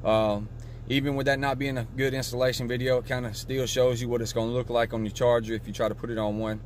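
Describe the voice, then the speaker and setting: A man's voice: mid-range voice, level tone, fast talker, a little hiss or hum. Laid-back man, a bit out of breath. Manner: laid-back, chatty, talks straight to viewers. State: a little out of breath. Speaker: car vlogger. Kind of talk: casual how-to vlog outro.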